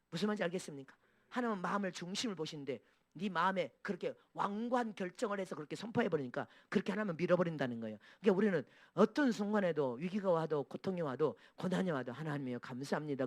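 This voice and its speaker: A man's voice: high voice, no room sound, clean studio sound. A male pastor preaching a sermon emphatically, repeating phrases and asking the congregation to answer.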